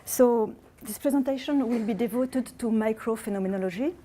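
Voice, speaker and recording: A woman with a French accent delivers an academic lecture in a mellow, slightly high voice. She speaks in a measured way and pauses on fillers as she finds her words. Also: a little hiss or hum.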